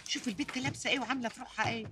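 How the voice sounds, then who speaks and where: Meddling Egyptian aunt. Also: female voice, a little high, steady tone, sharp tone, slight background noise. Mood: scolding. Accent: Egyptian Arabic. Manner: scolding, dramatic, brisk. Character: meddling, sharp-tongued older aunt from the neighborhood.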